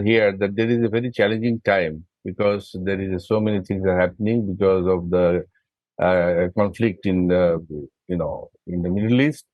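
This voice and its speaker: A man's voice: deep voice, no room sound, highs cut off. Hesitant Bangladeshi man on a call. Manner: hesitant, many fillers. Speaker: migrant rights advocate. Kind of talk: online meeting remarks.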